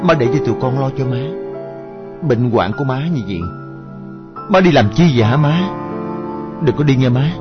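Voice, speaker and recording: A man playing a gentle peacemaking husband. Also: medium pitch, animated, normal speed, long pauses, close to an everyday voice. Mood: soothing. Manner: soothing, reasoning. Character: gentle, conciliatory husband and son. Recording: dull lo-fi recording with music.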